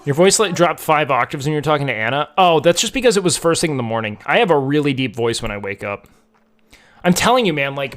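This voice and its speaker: A young man with a fairly high, slightly bright voice chats casually with viewers on his stream. His talk rambles and is packed with filler words, with "like" coming up frequently.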